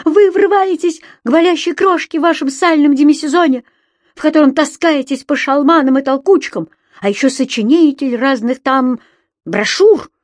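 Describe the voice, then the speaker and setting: A woman reading an audiobook and voicing a touchy former house-committee chairman who squeals in a ringing falsetto, sneering and clipped. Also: normal speed, no room sound, studio quality, natural voice. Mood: indignant shrill.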